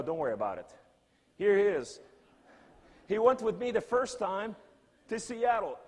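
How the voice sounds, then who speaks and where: A man giving an impassioned sermon at a conference, swinging from hushed to loud. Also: sits high, breathy edge. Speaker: guest speaker. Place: large conference hall. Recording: long hall reverb.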